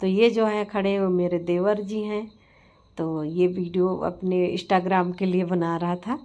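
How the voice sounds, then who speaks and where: A woman's voice: fairly low pitch, little pitch movement, slow, warm tone. Chatty woman narrating a family vlog. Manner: chatty, laughing, storytelling. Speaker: vlogger. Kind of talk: casual vlog voice-over.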